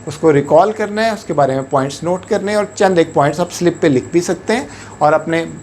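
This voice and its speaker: A Pakistani English teacher gives a patient instructional talk, explaining in measured fashion and often slipping into English words and phrases. His voice is a little high and darkish in tone, with some hiss or hum on the recording.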